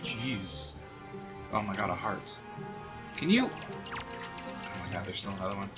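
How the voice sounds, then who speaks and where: Lower-voiced guy playing a game on stream, swearing at stuff, loud game music underneath. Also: expressive, takes it slowly. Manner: swears freely, chats with viewers. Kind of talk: casual live-stream chat while playing.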